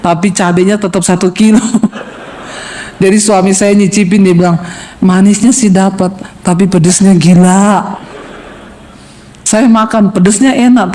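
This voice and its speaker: A middle-aged woman pastor from Sulawesi preaching a sermon, lively and humorous, teasing the congregation and swinging between high exclamations and low asides.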